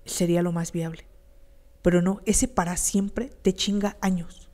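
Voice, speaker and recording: A woman's voice: lowish voice, little pitch movement, measured pace, a little mellow. A woman with a Mexican accent giving a blunt, emphatic motivational talk on a radio show, full of crude slang and runs of rhetorical questions.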